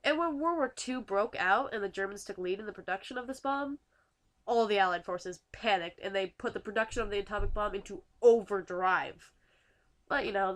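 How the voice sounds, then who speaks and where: A teenage girl with a nasal, stuffy voice, narrating a school project video in a chatty, self-deprecating way. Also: mid-range voice. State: stuffy nose from a winter cold. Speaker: student YouTuber.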